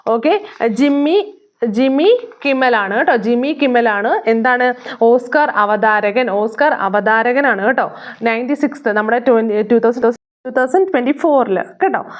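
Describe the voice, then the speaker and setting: A somewhat high-voiced woman runs a casual exam-prep lesson. She poses a question, answers it herself and repeats the answer again and again, with plenty of fillers and small restarts along the way. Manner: repeats answers, asks and answers her own questions, many fillers.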